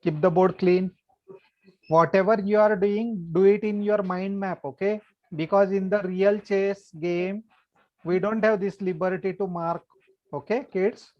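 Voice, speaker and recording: A man, coaching kids at chess and thinking out loud patiently, asking "okay?" as he goes. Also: high voice, fairly even intonation, unhurried, dull audio. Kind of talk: online chess lesson to kids.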